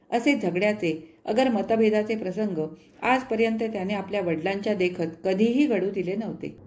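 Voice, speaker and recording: A woman narrating a short story in a measured, expressive storytelling manner. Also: medium pitch.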